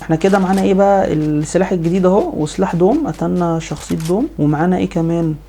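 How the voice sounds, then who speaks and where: An excitable man with an Egyptian Arabic accent talks fast over his gameplay, firing off strings of repeated cries. Game noise and gunfire are clearly audible behind his voice. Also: sits high. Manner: excitable, rapid-fire repeated exclamations. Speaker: gaming video host. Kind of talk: excited live gameplay commentary.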